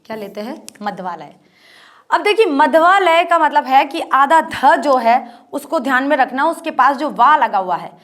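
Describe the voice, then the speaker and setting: A woman's voice: high-pitched, lively intonation, normal speed, a bit bright. A woman teacher explaining a grammar lesson step by step, often repeating points as rhetorical questions. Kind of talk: Hindi grammar lesson at a board.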